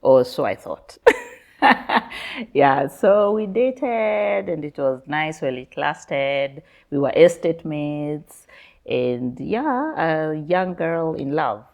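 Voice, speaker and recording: A woman's voice: sits low, animated, slow pace, a little mellow. A Kenyan woman in her thirties, a podcast guest candidly telling her life story, laughing often and mixing Swahili slang into her English. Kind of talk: personal storytelling interview.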